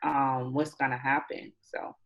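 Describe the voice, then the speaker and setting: Her pitch is extremely low, her tone level and a bit bright, and her pace measured. The 28-year-old chemistry grad student from Nassau, Bahamas, is a candid guest in a casual video-call interview who repeats phrases to stress them. The video call audio sounds dull and lo-fi.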